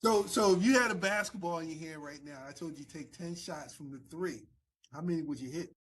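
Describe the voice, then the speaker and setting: A man hosts a talk show and puts his questions to the guest in a relaxed, chatty way. His voice sits somewhat high for a man. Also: brisk. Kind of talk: casual interview conversation.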